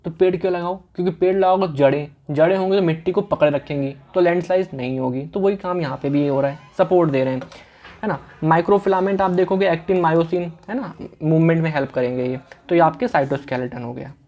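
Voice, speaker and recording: Male lecturer, casual and quick, drills key terms by question and answer. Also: fairly high pitch, highs cut off. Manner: asks questions and answers them himself, repeats key words; casual, fast-talking teacher. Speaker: medical lecturer. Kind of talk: online lecture.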